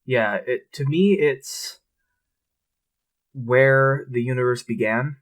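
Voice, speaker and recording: A man co-hosting a podcast in casual chat, relaxed and swearing freely. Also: mid-range voice, takes it slowly. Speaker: podcast co-host.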